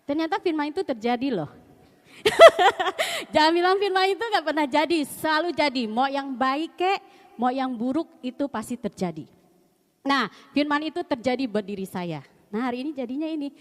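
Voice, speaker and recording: A woman's voice: high-pitched, lively intonation, moderate pace. A middle-aged woman giving a chatty, slangy church testimony at a service, laughing often. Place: church hall. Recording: long hall reverb.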